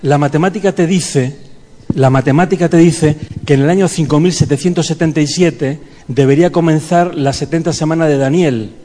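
A long reverb fills the hall as the man preaches and prays fervently, calling on the congregation and pleading with them. He talks a little fast, with a fairly high pitch and a warm tone.

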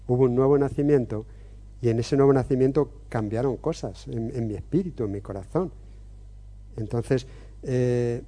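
Deep-toned man giving earnest testimony. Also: mellow. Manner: earnest, reflective, many hesitations. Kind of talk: personal testimony and teaching.

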